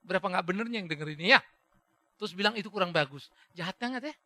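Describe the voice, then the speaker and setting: A man's voice: sits high, lively intonation, fast talker, pushed and bright, dry recording. A male pastor preaching a sermon who acts out little dialogues and drops in English phrases.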